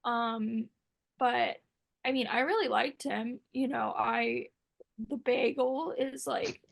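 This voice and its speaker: A woman's voice: on the high side, steady tone, slow, creaky. A young woman, a former contestant, chatting casually in an interview and rambling with many fillers. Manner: rambling, full of "like" and "um".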